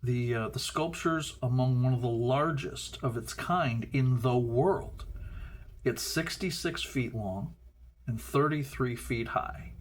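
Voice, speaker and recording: A man's voice: mid-range voice, slow. A middle-aged man from Chicago hosting a casual building video, rambling and stumbling over words with folksy asides. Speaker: host.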